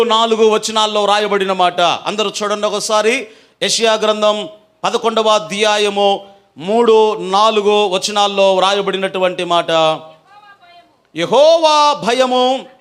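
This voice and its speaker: High voiced pastor guy preaching, tells stories in little voices, keeps asking the crowd stuff. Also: a bit bright, clear, resonant tone. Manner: storytelling with quoted voices, rising to emphatic preaching; asks the congregation questions and calls for responses. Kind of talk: sermon.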